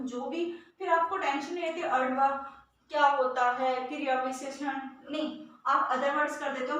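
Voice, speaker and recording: High bright woman teaching in echoey room. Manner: explains step by step, repeats key terms, often checks with "ठीक है". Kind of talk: classroom grammar lesson. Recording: echoey room, mic far off, faint noise.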